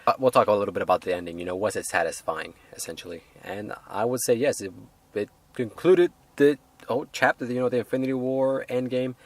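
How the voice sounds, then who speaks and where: A man with a medium-pitched voice reviews a film casually and without a script, halting, rambling and hedging his points.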